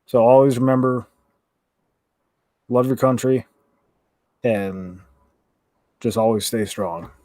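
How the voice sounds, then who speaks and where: A man's voice: mid-range voice, slow, long pauses, warm tone, no room sound. A man co-hosting a casual podcast, speaking earnestly and asking the others questions. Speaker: podcast co-host. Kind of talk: casual chat.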